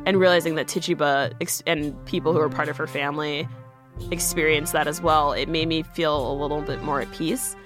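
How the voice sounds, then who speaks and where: A woman's voice: low voice, steady tone, a little fast, music in the background. A woman from the United States telling a personal story in a chatty way, full of "like". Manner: chatty, fillers of "like" throughout. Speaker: guest storyteller.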